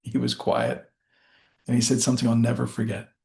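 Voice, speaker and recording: In a rehearsed motivational talk, a male storyteller speaks deliberately in short phrases with dramatic pauses. His mid-range voice is very animated and dark-toned, with vocal fry.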